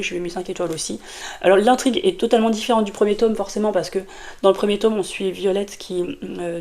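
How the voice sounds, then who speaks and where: Speaking to camera with a sore throat from a cold, this woman gives a casual review of a fantasy novel for her book vlog. Her fairly low voice is creaky and mellow, and she chats and rambles with plenty of fillers and restarts.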